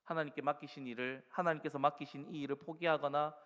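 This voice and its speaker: Man, pastor, sermon, exhorting congregation, slightly high voice, church hall reverb. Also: steady tone, fast, fairly bright tone. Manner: acts out the words of doubting believers. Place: church sanctuary.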